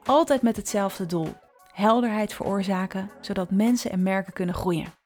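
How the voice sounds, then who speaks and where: A woman podcast host telling a personal story in an intimate, vivid way, slowing and drawing out her phrases and dropping into soft asides. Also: mid-range voice, soft background music. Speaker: podcast host and brand strategist.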